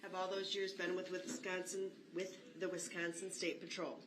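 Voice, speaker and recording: A woman's voice: lowish voice, flat delivery, normal speed. A woman prosecutor questioning a witness formally and methodically. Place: courtroom. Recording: echoey courtroom, distant mic, faint noise.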